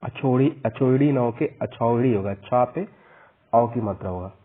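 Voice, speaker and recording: A man teaching a spelling lesson for an exam, slowly spelling out each vowel sign and repeating the corrections. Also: mid-range voice, breathy edge. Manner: slow and repetitive, spelling out vowel signs. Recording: tinny phone-like sound.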